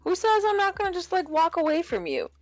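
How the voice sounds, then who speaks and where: A woman's voice: very high voice, huge pitch swings, fast, a little mellow, no echo, faint music behind. A woman playing a tabletop roleplaying game, rambling and cutting herself off, swearing freely. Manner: rambling, self-interrupting, swears a lot. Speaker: player.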